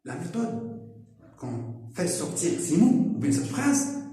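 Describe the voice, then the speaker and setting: A man teaching a classroom grammar lesson, explaining slowly and often checking with his pupils. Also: high-pitched, very animated, warm tone, soft background music. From Morocco. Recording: echoey room, voice heard from far off.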